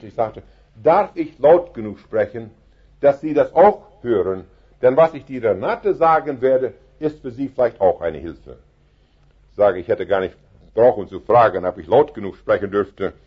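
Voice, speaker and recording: A man preaching an evangelistic sermon, fervent and penetrating, dropping soft and then rising to loud emphatic cries. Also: medium pitch, lively intonation, moderate pace, breathy edge, muffled recording.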